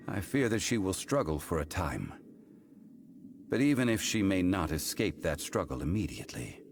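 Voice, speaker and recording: Zhongli, a solemn ancient god living as a calm, dignified, scholarly man, speaks in a deep male voice in game cutscene voice acting. He talks formally and without hurry, with game music and background noise under him.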